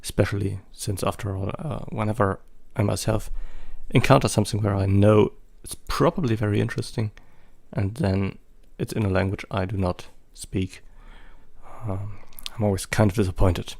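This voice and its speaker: At a normal speed, this man talks in a somewhat low, creaky, slightly mellow voice with fairly even intonation. A German-accented photography vlogger in his thirties, native in German, he gives rambling, casual English commentary riddled with fillers and hesitations.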